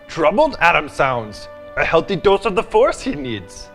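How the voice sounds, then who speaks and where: A man putting on a slow impression of a tiny old alien master who speaks with words in backwards order. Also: a little high, wildly swooping pitch, fairly bright tone, soft background music, exaggerated voice. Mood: sage.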